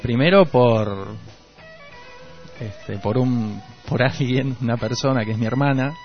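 Slow and earnest, a medium-pitched Argentine man with a Rioplatense accent reflects on his work as a musician and producer while guesting on the radio. He keeps rephrasing and repeating himself for emphasis, over dull lo-fi radio sound with faint music in the background.

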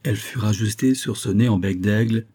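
A man narrating an audiobook in a measured, expressive reading. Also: fairly low pitch.

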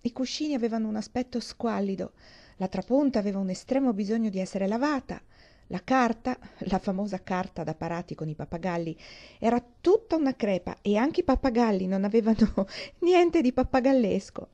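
A woman's voice: medium pitch, expressive, a little fast, warm tone. A woman reading a children's novel aloud, lifting her voice for the children's lines and dropping it for the narration. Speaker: audiobook reader. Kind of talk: audiobook narration with voiced characters.

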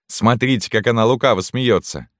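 A man voicing an excitable army canteen woman who talks loudly and exclaims a lot. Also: mid-range voice, dry recording, clean studio sound, pitched above the performer's own voice, close to an everyday voice. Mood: joyful. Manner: loud, exclaiming, quick to pity.

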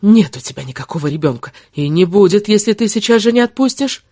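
A woman's voice: mid-range voice, very animated, brisk, husky, no echo, studio quality, pitched above the performer's own voice. A woman voicing a furious, sarcastic young woman who hurls insults in an audiobook. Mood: bitter. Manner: shouting insults, biting sarcasm.

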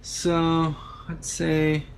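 This man's voice sits on the high side and is monotone, extremely slow and creaky, with slight background noise. He's a podcast co-host chatting casually about a book, rambling through half-finished thoughts with restarts and ideas that trail off.

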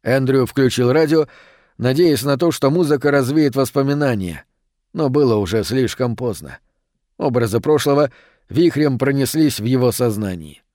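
A man reading an audiobook in a steady, measured narration. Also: mid-range voice, no room sound, clean studio sound. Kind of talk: scripted narration.

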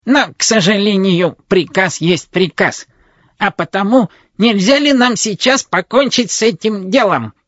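A man voicing a fussy, grumbling male wedding robot with a creaky, metallic voice. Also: sits high, a little slow, fairly bright tone, dry recording, highs cut off, voice pushed up. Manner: fussy, complaining, officious.

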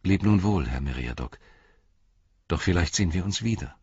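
A man reading the lines of a calm, earnest young noblewoman, gentle in manner, in a dull lo-fi audiobook recording. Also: deep voice, normal speed, slightly rough, no room sound, heavily acted.

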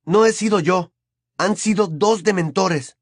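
A man's voice: high voice, little pitch movement, a little fast, no echo, pitched above the performer's own voice, lightly acted. A man putting on an impatient teenage boy, spelling things out with clipped emphasis. The voice is lifted above his own and recorded dry. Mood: exasperated. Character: exasperated teenage boy wizard.

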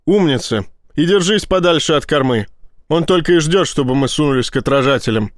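A man voicing a furious male space admiral who barks his orders hoarsely in a storybook reading. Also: a little high, lively intonation, brisk, no room sound, clean studio sound, close to an everyday voice. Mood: urgent commanding. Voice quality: hoarse, barking.

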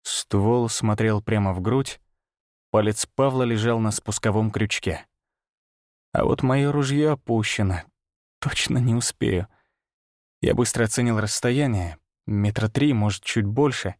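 A man narrating an adventure audiobook in the first person, with expressive storytelling. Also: fairly low pitch, unhurried, dry recording, studio quality.

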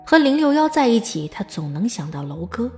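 A woman's voice: fairly high pitch, big pitch swings, fairly quick, faint music behind. A woman reading scripted narration as the narrator of a dramatised audiobook.

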